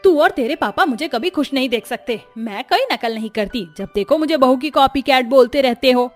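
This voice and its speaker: A woman voicing a bossy, stubborn older mother-in-law in an animated cartoon story, who wails and complains loudly. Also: high voice, brisk, faint music behind.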